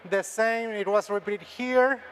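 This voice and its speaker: A middle-aged man with an Argentine accent gives a conference lecture in a fairly high voice. He stumbles and repeats words, and he keeps tagging "okay?" onto his points. A faint hiss sits under the recording. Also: fairly even intonation, a little slow, fairly bright tone. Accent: Argentine Spanish. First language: Spanish. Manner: frequent restarts and tag "okay?". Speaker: extension dairy scientist, presenter. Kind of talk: conference talk with slides.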